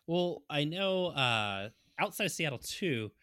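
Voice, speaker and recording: Bright-voiced man, rambling casual talk. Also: a little high, very animated, slow, no room sound, studio quality. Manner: rambling, chuckling, many fillers. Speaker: podcast co-host. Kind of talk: casual political chat.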